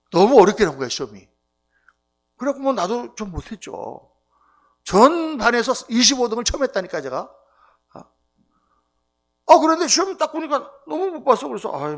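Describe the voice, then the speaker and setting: A middle-aged man preaching at a revival, his voice set high for a man and rising and falling a great deal. He tells stories, acts out the people in them, and drops from near-shouts to hushed asides. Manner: animated storytelling with sharp swings between loud outbursts and near-whispers; acts out quoted voices and repeats key phrases. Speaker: pastor. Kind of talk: revival sermon.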